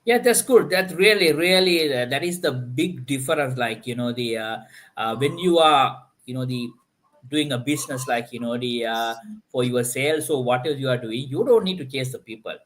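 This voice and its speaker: On a live online panel, a male host talks at a normal speed in a mid-range, somewhat bright voice, captured in a rough recording. He fills his speech with "like, you know" and keeps restarting what he says.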